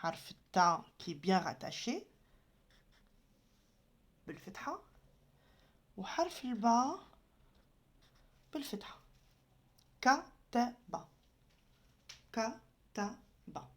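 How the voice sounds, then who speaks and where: Woman teacher, unhurried, patient, walks through letters one by one while writing. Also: medium pitch, big pitch swings, husky. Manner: patient, spells out each letter and sound. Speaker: Arabic teacher. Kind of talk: slow step-by-step lesson.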